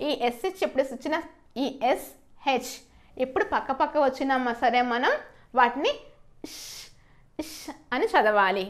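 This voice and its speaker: A woman teaching English spellings step by step, spelling out letters and then saying each word loudly and drawn out, asking questions and answering them herself. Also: high-pitched, lively intonation, normal speed. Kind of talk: slow step-by-step spelling lesson.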